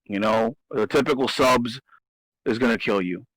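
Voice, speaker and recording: A man walks through game tactics in a relaxed podcast chat, stumbling over and repeating words as he presses his points. His voice sits at a middle pitch. The sound is close and dry with no room around it. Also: normal speed, dry recording, low-quality recording. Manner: explanatory, repeats himself, emphatic. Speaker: host. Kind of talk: casual gaming strategy discussion.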